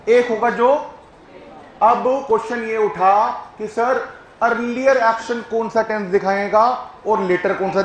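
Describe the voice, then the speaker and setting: A man's voice: high voice, echoey room, slight background noise, poor audio. A male teacher giving a classroom grammar lecture, who keeps checking whether his students follow and coaxes them along.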